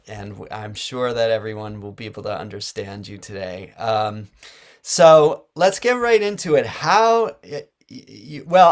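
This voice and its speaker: A male host with a mid-pitched voice leads a live interview over a video call in a friendly way. Now and then he stumbles and restarts his words.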